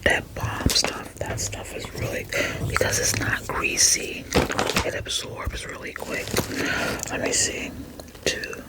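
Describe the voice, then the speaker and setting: An ASMR creator whispering casually to viewers, rambling and hesitant as if thinking aloud. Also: takes it slowly.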